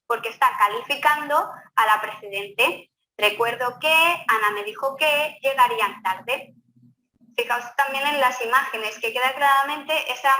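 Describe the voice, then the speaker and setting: A woman's voice: high-pitched, sharp tone. A woman teacher from Spain, explaining grammar in a recorded lecture and talking straight to her students. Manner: explanatory, addresses students directly. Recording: echoey room, faint background noise.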